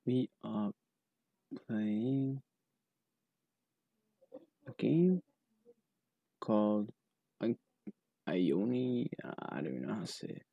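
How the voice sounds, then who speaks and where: A young man narrates his horror game playthrough in a loose, profane chat, tripping over character names. His voice sits low and gravelly but swings around a lot. The recording carries a steady noisy hum. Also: takes it slowly, long pauses, dry recording, lo-fi sound. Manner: profane, reads game text aloud, stumbles over names. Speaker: gaming channel host. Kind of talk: casual let's play commentary.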